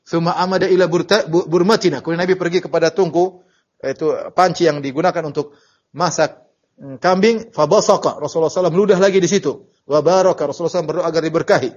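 A man teaching a religious study lecture, his somewhat high voice husky and breathy. He tells the story in an animated way with sudden emphatic bursts, often pausing on filler words. The recording sounds dull and lo-fi. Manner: frequent filler "ya" and halting restarts. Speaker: Islamic teacher.

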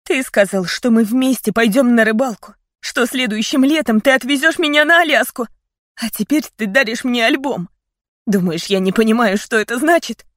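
A woman's voice: moderate pace, no echo, studio quality, natural voice. Woman voicing a desperate, pleading teenage girl. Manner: loud, pleading and high-strung. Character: grieving teenage daughter, desperate. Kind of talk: audiobook character voice.

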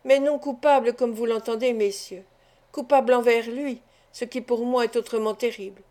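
In this storybook reading of a classic novel, a woman narrator plays an anguished but resolute wife making a heartfelt confession. She speaks at an ordinary pace in a steady, lightly acted way. Her tone is soft and warm, her pitch fairly high and mellow.

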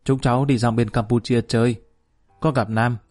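A man doing a smooth Northern Vietnamese gangster. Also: mid-range voice, fairly even intonation, moderate pace, darkish tone, soft background music, natural voice. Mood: evasive. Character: smooth-talking gangster, falsely polite.

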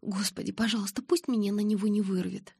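A woman's voice: mid-range voice, fairly even intonation, quick pace, gravelly, darkish tone, breathy edge, dry recording, clean studio sound, pitched above the performer's own voice. A woman reading an audiobook, voicing a queasy, stubborn teenage girl who pleads and groans. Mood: pleading.

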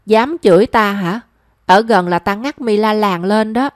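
Lady doing a cheeky loud girlfriend, teasing, dry close sound. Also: medium pitch, a little slow, no echo, lightly acted. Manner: teasing, brash. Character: cheeky, loud young woman friend.

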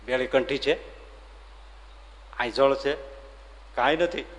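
A man's voice: mid-range voice, slow pace, a bit bright. A man voicing a blunt, loyal village chieftain on horseback. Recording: long hall reverb.

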